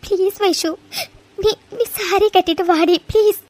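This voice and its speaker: A woman's voice: very high voice, normal speed, darkish tone, slight background noise. A woman voicing a young woman who is recovering from burns in a cartoon; she pleads through tears. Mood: pleading tearful. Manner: pleading, crying. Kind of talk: cartoon voice acting.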